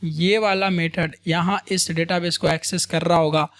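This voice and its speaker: A man's voice: a little high, steady tone, moderate pace, fairly bright tone. A man teaching a programming lesson in a casual, conversational way, often checking in with his viewers with "right?" and "boss?". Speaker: programming tutor. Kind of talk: screen-recorded coding lecture.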